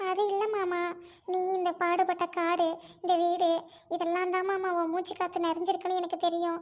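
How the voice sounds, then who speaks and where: A woman's voice: very high-pitched, level tone, moderate pace. A woman playing a devoted young woman begging her uncle not to leave home, in a family web drama. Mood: pleading. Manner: pleading, tearful tone.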